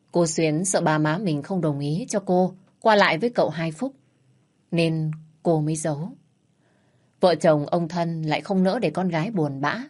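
A woman narrating a scripted story in a calm, even manner. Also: sits low.

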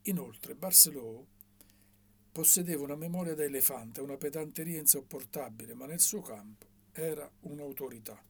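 A man reading a novel aloud in a measured, expressive way. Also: fairly high pitch, creaky. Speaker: audiobook reader.

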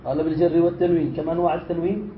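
A man with a fairly high voice teaches a grammar lesson in a roomy space, quizzing his students and echoing their replies before explaining. The recording is dull and lo-fi, with a faint hiss underneath. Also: flat delivery, rapid-fire. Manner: quizzes students, repeats their answers, then reads and explains with rising force. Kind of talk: classroom lesson with questions to students.

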